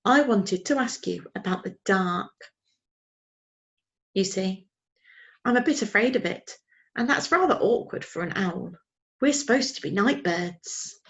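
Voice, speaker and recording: A woman voicing an eager, hungry little owlet boy who is afraid of the dark, with a high piping voice and an earnest, plaintive manner. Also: animated, a little slow, long pauses.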